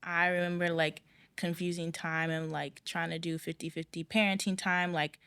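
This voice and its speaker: Young woman, slightly low voice, soft-spoken, reflective, candid personal story. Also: level tone, normal speed, clear, resonant tone. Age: young adult. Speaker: college student guest.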